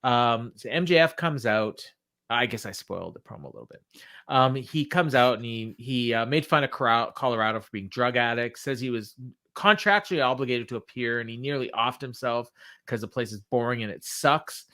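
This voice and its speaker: A man with a mid-pitched voice gives a casual podcast recap. He works from memory in a halting way, doubling back and paraphrasing as he goes. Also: expressive, pushed and bright. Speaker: wrestling podcast co-host.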